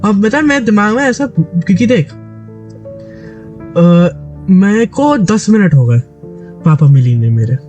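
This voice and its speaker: A man's voice: sits high, a little mellow. A man from Delhi with a sore, dry throat, animatedly telling a story to a friend in casual chat, with many restarts. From Delhi, India. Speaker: gaming YouTuber.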